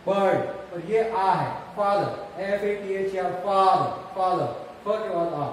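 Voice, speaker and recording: A man's voice: high-pitched, slow, darkish tone. A male teacher trainer with an Indian English accent, giving a bilingual lecture on English vowel sounds and spelling words out letter by letter. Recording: echoey room, voice from a distance, faint background noise.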